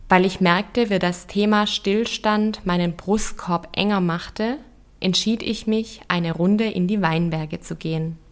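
A woman in her thirties narrating a reflective first-person story in a calm, measured, introspective way. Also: mid-range voice.

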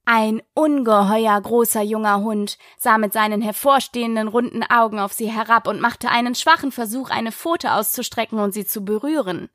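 A woman reading a storybook aloud as narrator in a steady, clear way. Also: fairly high pitch, normal speed, hardly any pauses, dry recording, clean studio sound. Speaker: audiobook reader.

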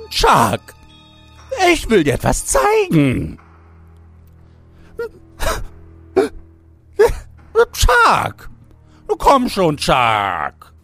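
A man's voice: fairly high pitch, huge pitch swings, very slow, vocal fry, long pauses, a little mellow, husky, soft background music, pitched above the performer's own voice, heavily acted. A man voicing a strange male stalker who laughs, calls out shrilly, then whines and begs. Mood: manic.

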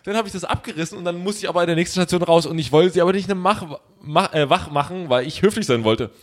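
A man's voice: sits high, quick pace. Man rambling through an embarrassing story. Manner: rambling, self-mocking storyteller, laughs often. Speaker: podcast co-host telling a story. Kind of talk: casual chat.

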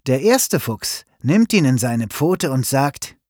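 A man narrating a children's story in an expressive, storytelling manner. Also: mid-range voice, takes it slowly, dry recording, clean studio sound.

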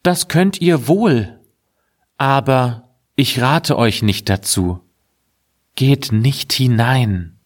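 A man's voice: mid-range voice, very slow, slightly rough, pitched above the performer's own voice. Sad young girl, as a man puts her on. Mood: sad warning. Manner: sad, warning, sighing.

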